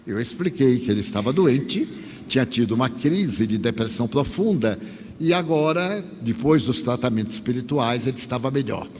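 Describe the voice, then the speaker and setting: A man from Bahia, giving a spiritist lecture as a lively storyteller who acts out the dialogue. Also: mid-range voice, moderate pace. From Bahia, Brazil. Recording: echoey hall with faint hiss.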